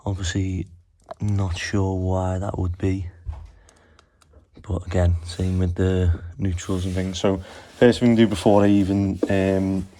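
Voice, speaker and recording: Recorded on a handheld phone, this tradesman talks through his work on pipes and wiring, repeatedly saying "obviously." He has a deep, dark voice with a flat, unhurried delivery, and slight background noise can be heard.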